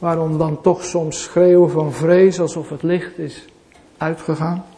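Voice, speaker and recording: A man preaching a sermon to a congregation, swinging between loud declarations and quiet asides, returning again and again to a repeated rhetorical question. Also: a little high, level tone, measured pace. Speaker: pastor.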